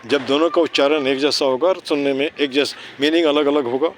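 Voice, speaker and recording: A man's voice: fairly high pitch, fairly even intonation, brisk, a little hiss or hum. A man casually teaching children outdoors near a city park, mixing English words into his talk, reciting rhyming slogans and checking understanding with constant tag questions. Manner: mixes English words and phrases into Hindi. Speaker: neighbourhood cleanliness volunteer teaching children.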